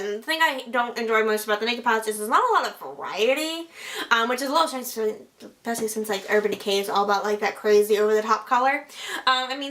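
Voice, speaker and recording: A woman's voice: a little high, bright, forceful tone. A young woman chatting casually as she reviews makeup on her own channel, rambling and joking, calling each product he or him. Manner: chatty, rambling, jokey asides. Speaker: beauty vlogger.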